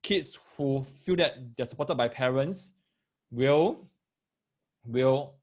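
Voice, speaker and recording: A man with a medium-pitched, darkish voice talks slowly. As a maths tutor for parents and children in a live online lesson, he uses a Singaporean accent and Singlish particles, explaining each step, repeating phrases and checking that listeners follow.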